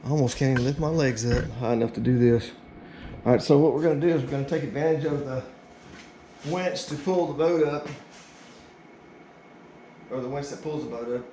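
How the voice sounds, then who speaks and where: In a home garage workshop, a middle-aged DIY vlogger gives a folksy, informal how-to, half muttering to himself as he works, in a medium-pitched, mellow voice that's brisk but pauses often. An action camera, on a tripod or handheld, catches him at varying distances, with roomy echo, clear noise and handling clicks.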